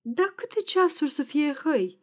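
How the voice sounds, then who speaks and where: A woman's voice: high-pitched, expressive, voice pushed up. A woman doing a drowsy, grumbling old peasant in a spoken storybook. He mutters and snaps, half awake. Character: grumpy sleepy old peasant man.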